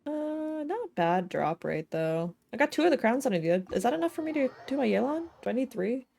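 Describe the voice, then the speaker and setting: With game music in the background, a woman livestreamer banters casually as she plays. Her voice is on the high side, very animated and brisk, creaky and a little mellow, and she rambles playfully, thinking aloud in silly slang.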